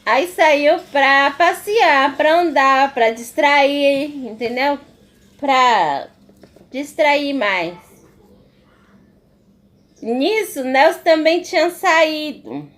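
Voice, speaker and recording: High-voiced fervent woman. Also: lively intonation, extremely slow, pauses often, fairly bright tone. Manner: fervent, emotional storytelling with repetitions. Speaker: missionary. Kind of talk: religious testimony.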